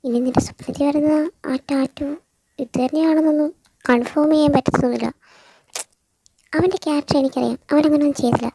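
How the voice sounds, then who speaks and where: A woman's voice: high-pitched, fairly even intonation, brisk, vocal fry, long pauses, warm tone, dry recording, rough recording. A woman voicing a young woman who chides and reassures her friend in colloquial Malayalam. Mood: reassuring. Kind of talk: audio story role-play.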